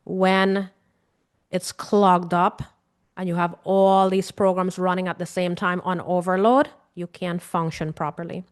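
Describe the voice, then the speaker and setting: Speaking in a low register with little pitch movement, this woman keeps a measured pace and a clear, resonant tone. She is a Guyanese-accented emotional healing coach addressing viewers directly in a casual, earnest way, circling back to points and asking them questions.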